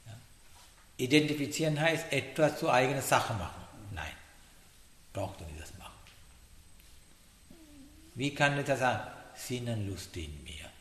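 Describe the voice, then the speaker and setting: Halting meditation teacher in an echoey hall. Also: male voice, medium pitch. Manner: halting non-native German, frequent "ja?" checks. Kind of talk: dharma talk. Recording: echoey hall, faint noise.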